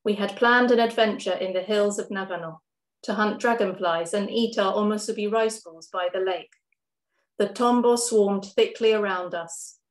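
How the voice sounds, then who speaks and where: A woman reading her own poems aloud at an even, measured pace, with brief, casual spoken introductions between them. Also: medium pitch. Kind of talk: poetry reading. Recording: roomy echo.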